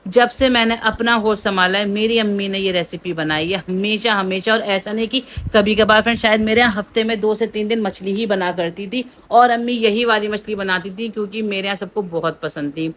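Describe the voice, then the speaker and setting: A young woman chatting casually to her viewers in a cooking vlog, addressing them warmly as friends. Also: mid-range voice, fairly even intonation, fairly quick, few pauses, a little hiss or hum. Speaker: cooking vlogger.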